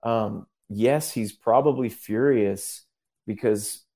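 A man appears as a guest minister in a casual interview, speaking earnestly and rambling, often restarting his sentences. His voice is on the low side with a dark tone, and he speaks slowly.

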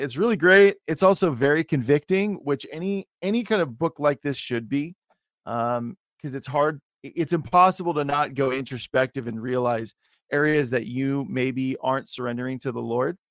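Guy hosting a faith podcast, chatty and emphatic, medium pitch, no room echo. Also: moderate pace, a bit bright, studio quality. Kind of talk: casual, enthusiastic show introduction and interview.

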